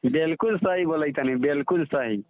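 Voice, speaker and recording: On a recorded phone call, a Bhojpuri-accented man appearing as a comedian guest talks casually and agreeably, eagerly repeating himself with brief affirmations. His fairly high voice moves at a moderate pace, and the recording is dry.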